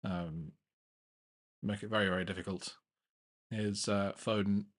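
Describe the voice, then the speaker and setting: A young man hosting a live football watchalong, giving casual play-by-play with frequent restarts and getting excited at big chances. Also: lowish voice, measured pace. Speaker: watchalong host.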